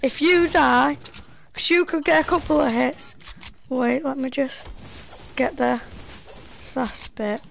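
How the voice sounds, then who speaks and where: A woman chatting live with teammates while gaming, excitable and bossy in her calls. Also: high-pitched, takes it slowly, creaky, long pauses, a little hiss or hum, poor audio. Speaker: gamer. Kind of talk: live gameplay chat with teammates.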